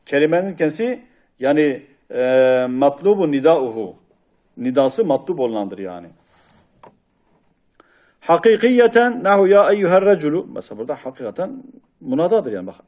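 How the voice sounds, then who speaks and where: Man teaching Arabic grammar, mellow. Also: a little high, very animated, moderate pace, long pauses. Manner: reads Arabic passages then explains them in Turkish, with frequent hesitation sounds. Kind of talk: lecture explaining a classical text.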